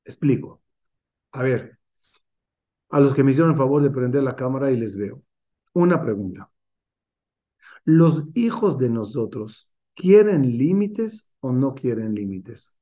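A man's voice: medium pitch, animated, measured pace, pauses often, mellow, highs cut off. A man teaching as a rabbi in an online class, driving his points home with many rhetorical questions. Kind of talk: Torah class over video call.

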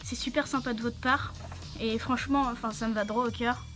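Young woman, high bright pitch, muffled through a costume head, hesitant chatty host with lots of fillers, faint music behind. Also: steady tone, brisk. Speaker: channel host answering questions. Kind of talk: casual Q&A vlog.

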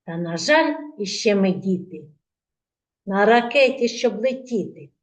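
Female kindergarten teacher, mid-range voice, unhurried and carefully enunciated, coaxing a class of small children to repeat words. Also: mid-range voice, lively intonation. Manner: slow, clearly articulated, prompting children to repeat words. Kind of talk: speech lesson for preschool children.

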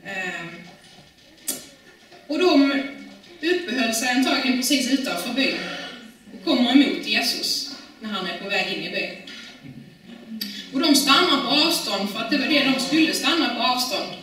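Woman preacher, fairly high and bright, casual sermon delivery, echoey church sound. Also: animated, pauses often, far from the mic. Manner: conversational, with many fillers and restarts.

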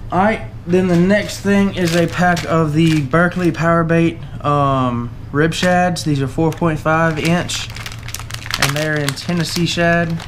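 Seated indoors at a table under an overhead camera, a young Southern-accented fishing channel host walks viewers through tackle he's giving away. His fairly high voice comes with slight background noise, and his relaxed, halting delivery is full of uh and um.

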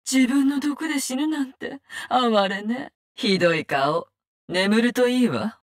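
Viper, a cold menacing assassin. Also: female voice, a little high, expressive, a little slow. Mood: contemptuous. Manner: contemptuous, curt, commanding. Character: menacing, cold, vengeful woman poison-gas assassin. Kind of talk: video game character barks in Japanese.

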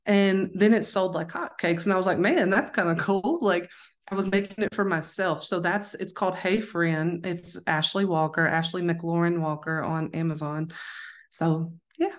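A woman's voice: lowish voice, little pitch movement, normal speed. A woman with a Southern accent, a life coach talking frankly and upbeat in a casual interview, often restarting and asking "right?".

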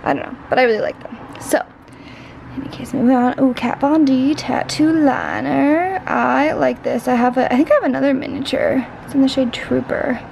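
A woman's voice: high-pitched, normal speed, vocal fry, a little mellow, a little hiss or hum, poor audio. A young woman rambling through a casual vlog unboxing, chatty and full of "like". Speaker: beauty vlogger.

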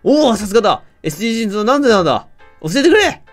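A man voicing a pompous middle-aged police chief who asks questions in a loud, exclamatory way. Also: sits high, sing-song, racing, faint music behind. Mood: blustering. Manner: blustering, exclamatory.

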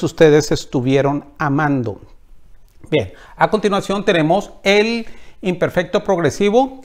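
A man with a fairly high voice gives a calm, slide-based Spanish grammar lesson. He recites each verb form slowly and carefully. His explanations run at an easy pace, with small fillers and restarts. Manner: slow, deliberate recitation of verb forms. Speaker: Spanish teacher.

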